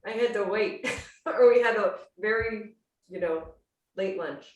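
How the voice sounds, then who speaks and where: A woman's voice: medium pitch, unhurried, lo-fi sound, slight background noise. A woman hosting an online cooking class, talking in a casual, chatty, exclamatory way over a video call. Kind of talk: casual livestreamed cooking demonstration chat. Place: indoors at home, on a video call. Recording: roomy, distant-mic video-call sound.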